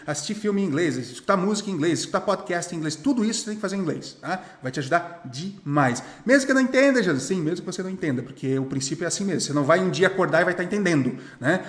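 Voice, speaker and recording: A young Brazilian man teaching English casually to camera, chatty and repetitive, often checking in with the viewer. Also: a little high. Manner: chatty, repeats himself, asks "tá?" often. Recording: roomy echo.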